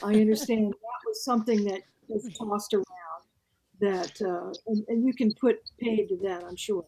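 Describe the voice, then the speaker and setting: A woman co-hosting a casual discussion, asking measured, precise questions. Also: mid-range voice, fairly even intonation, mellow, poor audio.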